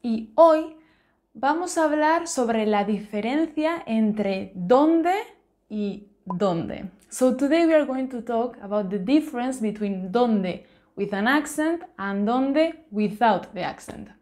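A woman's voice: a little high, animated, takes it slowly, darkish tone. A woman with a Spanish accent teaching a language lesson, explaining carefully and switching between two languages. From Spain.

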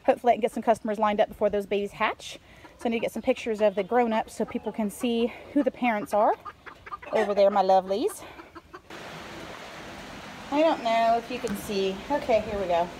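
A middle-aged homesteader speaks briskly in a mid-range, darkish voice, pausing often as she films an update around the farmyard's coops and pens. Her unscripted narration is chatty and rambling, recorded on a handheld phone from behind the camera. Animal sounds and farm noise come through clearly.

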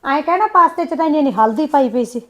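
Quick, sulky Punjabi woman. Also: high-pitched, lively intonation, fairly bright tone. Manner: sulky, complaining, quick retorts. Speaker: young wife in a village family. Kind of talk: Punjabi short film acting.

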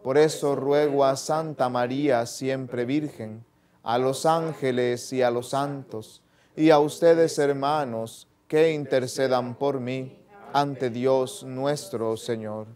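A man in his thirties, a priest leading Mass in a small chapel with slow, solemn recitation. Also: medium pitch, fairly even intonation, a little mellow.

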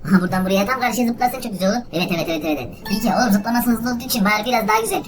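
Very fast excitable gaming host woman. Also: medium pitch, music in the background. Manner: excitable, exclaiming, talks straight to viewers. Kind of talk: let's play commentary.

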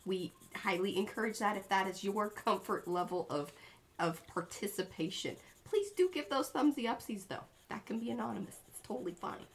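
A woman in her thirties with a mid-range voice and moderate pace co-hosts an art livestream from a small home studio. She chats in a bubbly, playful way, greeting viewers by name.

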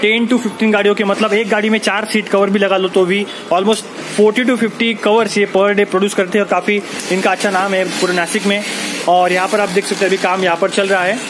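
A man's voice: high-pitched, flat delivery, fairly quick. A young man guiding viewers through a workshop in casual tour narration, upbeat and talking straight to the audience. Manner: upbeat, addresses viewers directly. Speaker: vlogger touring a workshop. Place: busy car seat cover workshop, indoors. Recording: loud background noise in a workshop.

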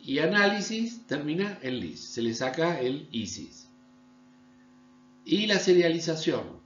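A man from Argentina, giving a recorded online university lecture and often checking understanding with a quick "¿sí?". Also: sing-song. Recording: echoey room, dull low-fi sound with mains hum.

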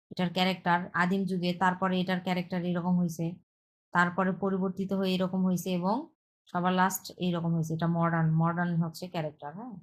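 A woman, a Bengali speaker, teaches an online Chinese lesson, explaining step by step and often checking with a quick "yes". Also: lowish voice. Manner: explains step by step, repeats herself, checks with "হ্যাঁ".

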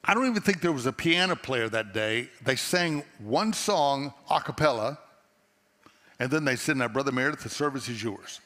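Expressive and fairly bright, the mid-range voice of a middle-aged Texan pastor carries at a normal speed as he preaches a sermon. He tells stories in an earnest, conversational way, frequently restarting phrases, using a headset mic on a large church stage before seated listeners. The recording has long auditorium reverb.

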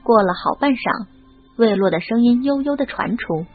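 Husky woman narrating a novel. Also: fairly high pitch, normal speed. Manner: expressive storytelling. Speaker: audiobook narrator. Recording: lo-fi phone-like audio. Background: faint music.

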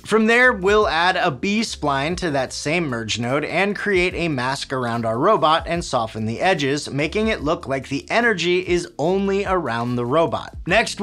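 A man's voice: on the high side, fairly bright tone. A man hosting a video tutorial, walking through editing steps in an upbeat, step-by-step way. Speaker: video creator and host. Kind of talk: scripted tutorial narration.

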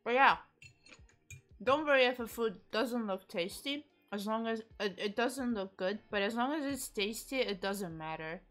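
A woman's voice: a little high, expressive, moderate pace, a bit bright. A young woman streamer chatting casually with her viewers while eating, reading and answering chat with frequent giggles. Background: faint background music.

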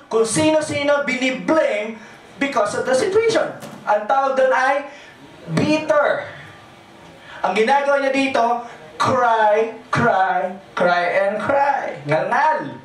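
High-voiced Filipino man rousing a hall. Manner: lively, joking, call-and-response with audience. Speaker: business presenter. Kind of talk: motivational sales presentation. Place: large hall with live audience. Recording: echoey hall, mic at a distance.

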